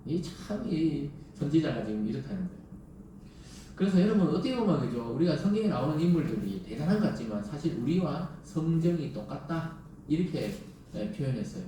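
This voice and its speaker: A man preaches a sermon, his mellow, fairly high voice rising and falling in lively swings. He keeps asking the congregation rhetorical questions and acting out quoted lines. The recording is distant and heavily echoey, caught from across a reverberant church hall. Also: brisk, a little hiss or hum. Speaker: pastor. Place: church sanctuary.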